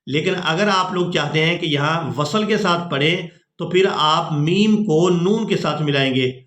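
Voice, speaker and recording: Man, tajweed teacher, high voice, explains then chants, echoey room. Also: fairly bright tone. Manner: explains slowly, then chants verses drawn out. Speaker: Quran recitation teacher. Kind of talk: tajweed lesson with chanted recitation.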